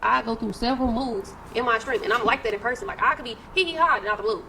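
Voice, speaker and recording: A woman in a casual monologue talking about herself in a rambling, animated way and acting out lines. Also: on the high side, fast, very noisy.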